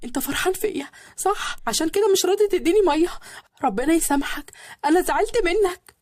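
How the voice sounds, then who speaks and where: A stubborn, childish young bride with an Egyptian accent, put on by a woman storyteller. Her voice rides high and leaps all over, whining and pouting in fast retorts. The sound is dry and close. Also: expressive, darkish tone, dry recording. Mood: whiny petulant. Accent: Egyptian Arabic. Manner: whiny, pouty, quick retorts.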